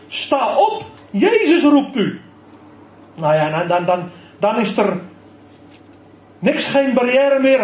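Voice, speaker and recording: A man's voice: sits high, echoey room, a little hiss or hum, rough recording. A man preaching an evening sermon, telling the story animatedly and acting out the quoted people. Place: church.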